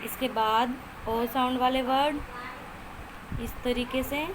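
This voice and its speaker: A woman teacher, slowly sounding out letters and short words in a phonics lesson for children. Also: high-pitched, fairly even intonation. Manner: slow, sounding out letters one by one. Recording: noisy home recording.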